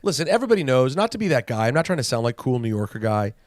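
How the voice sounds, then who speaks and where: A man's voice: medium pitch, sing-song, very fast, dry recording. A man co-hosting a podcast in casual chat, playful and argumentative, telling stories in between. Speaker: podcast co-host.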